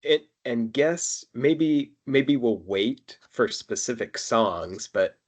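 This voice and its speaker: A man's voice: mid-range voice, animated, slow pace. A man co-hosting a casual album review chat, rambling with fillers. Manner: chatty, lots of fillers and laughs. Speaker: podcast co-host.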